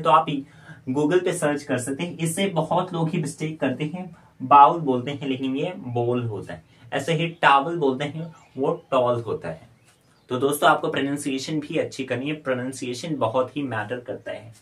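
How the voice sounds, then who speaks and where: A young man giving a spoken English lesson, explaining step by step and repeating phrases slowly for learners. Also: on the high side, fairly bright tone. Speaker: English teacher.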